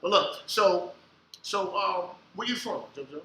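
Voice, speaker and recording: A man hosting a casual podcast interview, joking and bantering loudly in slang. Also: high voice, lively intonation, measured pace, roomy sound, slight background noise, rough recording. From United States. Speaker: podcast host.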